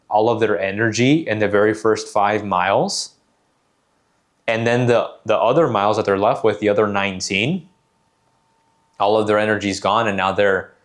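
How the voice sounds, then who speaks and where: A man coaching on sales calls in a measured, deliberate way, repeating key phrases for emphasis. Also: on the low side. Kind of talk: instructional talk.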